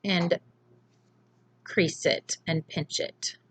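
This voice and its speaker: A woman teaching a phonics lesson to young children, sounding out letters slowly, clearly and patiently in a home video lesson. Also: fairly low pitch, fairly even intonation, fairly bright tone.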